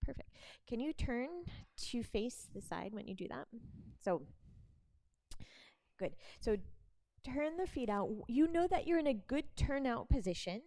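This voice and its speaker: Mellow-voiced woman teaching a barre class. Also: a little high, expressive, a little slow, no room sound. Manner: instructive, encouraging, laughs often. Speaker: Pilates and barre instructor. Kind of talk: demonstration class explanation.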